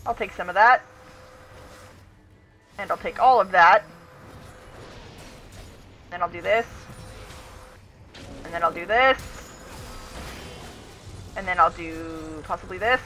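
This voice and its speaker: Woman, gamer, playful, goofy, slow talk, bright voice. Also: lowish voice, faint music behind. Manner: playful, sings and laughs often, goofy shouts. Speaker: streamer playing a team game. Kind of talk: casual gaming chat with friends.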